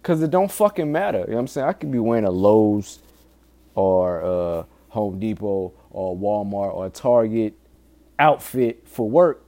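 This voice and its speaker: Mellow-voiced man giving urgent, pleading warnings. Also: fairly low pitch, animated, measured pace. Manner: informal, frequent swearing. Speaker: podcast host. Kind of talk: candid solo podcast monologue, casual talk.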